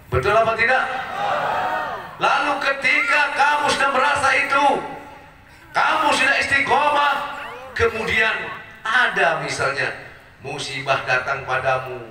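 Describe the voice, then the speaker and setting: A man preaching a sermon to a congregation, firing off rhetorical questions and swinging from shouted peaks down to low, quiet drops. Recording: echoey hall, distant mic.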